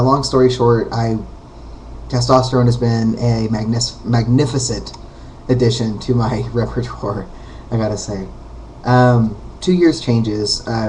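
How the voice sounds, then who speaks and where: Rambling, candid baritone man on webcam. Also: a little mellow, slight background noise, poor audio. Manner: rambling and candid, many ums and uhs. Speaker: vlogger. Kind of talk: casual talking-to-camera vlog.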